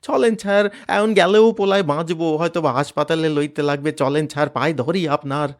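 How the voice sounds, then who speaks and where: A man voicing a poor older father who pleads and wails in grief, his voice pushed high and strained. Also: steady tone, fairly quick, close to an everyday voice. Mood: pleading. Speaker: character in a novel reading.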